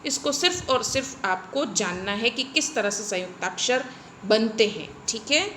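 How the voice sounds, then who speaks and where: A woman's voice: on the high side, animated, normal speed, pushed and bright, slight background noise. A woman teacher giving a recorded grammar lesson, explaining step by step and checking in often. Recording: echoey room.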